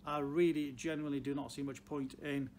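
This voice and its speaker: Man in his sixties, Stoke accent, slightly high voice, plain-spoken car dealer talk, noticeable showroom background noise. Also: little pitch movement, a little fast, a little mellow. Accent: Stoke-on-Trent (Potteries). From Stoke-on-Trent, England. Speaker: car dealer presenting advice. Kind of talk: unscripted direct-to-camera advice talk. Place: large indoor car showroom.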